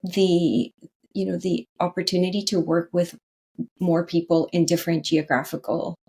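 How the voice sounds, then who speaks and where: A Canadian woman appears as a podcast guest, a leadership consultant speaking Canadian English in a fairly low, mellow voice with flat delivery at a moderate pace. She talks earnestly in the interview, often restarting and tagging lines with "right?", though the recording quality is low.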